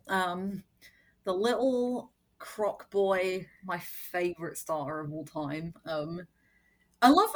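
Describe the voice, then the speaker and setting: A woman chatting on a podcast panel in a fairly low voice. She gushes about her favorites and fills her talk with "like" and "um.". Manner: gushing, lots of "like" and "um". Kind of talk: casual podcast chat.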